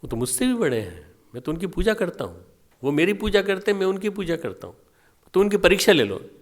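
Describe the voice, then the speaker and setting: Brief: a man doing a humble ascetic god in a devotional retelling, earnest, a little higher and louder. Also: sing-song, fairly quick. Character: calm ascetic male god, plain-living.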